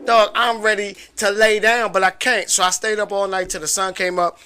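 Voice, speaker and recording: A man with a high, very bright and sharp voice tells a story with lots of slang and swearing. He talks in a loose, animated way and keeps laughing. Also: moderate pace. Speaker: guest.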